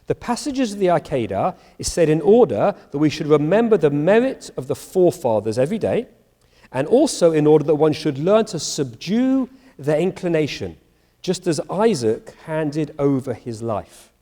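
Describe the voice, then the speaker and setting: A middle-aged man gives a university lecture as a rabbi, swinging his pitch widely as he acts out each exchange. His voice is mellow and fairly high for a man. It rings with the long reverb of a large chapel. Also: normal speed. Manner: animated, acts out dialogue in voices. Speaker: rabbi giving a public lecture.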